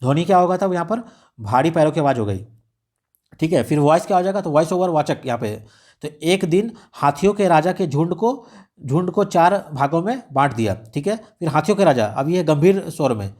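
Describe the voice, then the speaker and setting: Fast-talking man teaching script writing. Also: a little high, a little mellow. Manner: casual explaining, mixing English words, frequent fillers and restarts. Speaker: exam-prep teacher. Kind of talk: explaining a radio script lesson.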